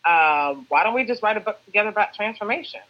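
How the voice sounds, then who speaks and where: A woman from Uganda, a personal brand strategist, telling the story behind her book in an animated, conversational way. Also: mid-range voice, fast talker, highs cut off. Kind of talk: casual interview answers.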